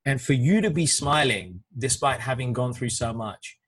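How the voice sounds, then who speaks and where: An enthusiastic man hosts a casual interview, talking warmly and loosely with plenty of "you know" fillers. His voice sits in an ordinary middle range with a breathy, husky edge. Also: mid-range voice, animated, normal speed. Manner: enthusiastic, chatty, many fillers. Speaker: podcast host.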